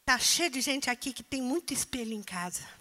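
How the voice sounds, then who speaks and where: High, lively woman preaching a sermon. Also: a little fast. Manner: emphatic, rhetorical questions to the congregation.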